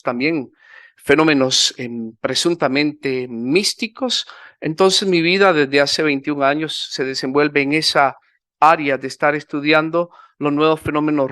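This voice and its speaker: A man's voice: on the high side, fairly bright tone, dry recording, clean studio sound. A man, a Capuchin friar and priest, answering as a guest in a careful, formal manner with some hesitations. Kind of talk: conversational interview answers.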